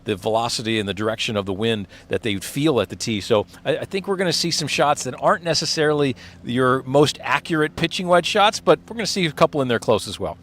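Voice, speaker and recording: A man's voice: mid-range voice, lively intonation, fast talker, hardly any pauses, a bit bright, slight background noise. A man giving live golf commentary and analysis of the play.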